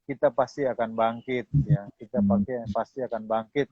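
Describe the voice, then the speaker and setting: A male pastor from Manado preaches at a middle pitch, mixing his own story with scripture and speaking directly to the congregation. The sound is dull and lo-fi, with almost no room around the voice. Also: normal speed, breathy edge, dry recording. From Manado, Indonesia. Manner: addresses listeners as "Saudara", acts out dialogue. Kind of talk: sermon with testimony and closing prayer.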